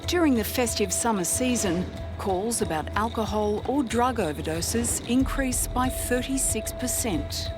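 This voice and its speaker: An Australian woman narrates a documentary from a script. Her voice sits fairly high, with music clearly playing underneath. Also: lively intonation, measured pace, few pauses.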